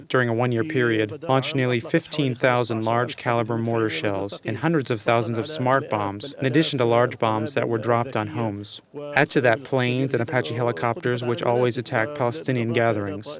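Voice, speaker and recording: A man reading a translated statement in a forceful, denouncing manner. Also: medium pitch. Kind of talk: translated news voice-over.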